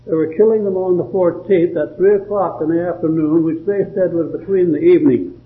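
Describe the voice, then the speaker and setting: A man preaching a sermon and reciting a devotional poem in a slow, deliberate, measured way. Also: on the high side. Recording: tinny phone-like old recording.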